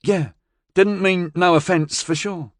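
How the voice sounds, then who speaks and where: A woman's voice: low-pitched, big pitch swings, moderate pace, dry recording, clean studio sound, voice pushed up. A male narrator voicing a blunt, slangy young woman aboard a starship.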